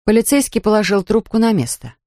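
Guy reading a kids story audiobook, calm and even, dry close sound. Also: sits high, brisk, no echo. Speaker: narrator. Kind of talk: audiobook narration.

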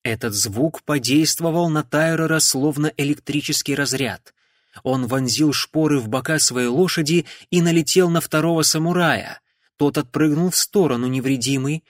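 A man reading an audiobook in a measured, dramatic way. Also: on the high side, no echo, clean studio sound. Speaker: audiobook narrator. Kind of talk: audiobook narration.

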